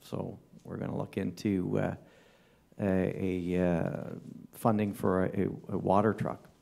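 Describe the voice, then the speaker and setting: Male councillor, dark, mellow timbre, halting report full of fillers. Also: deep voice, level tone, vocal fry. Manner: halting, with many fillers and restarts. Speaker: town councillor giving a report. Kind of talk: formal council report with ad-libbed remarks. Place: council chamber.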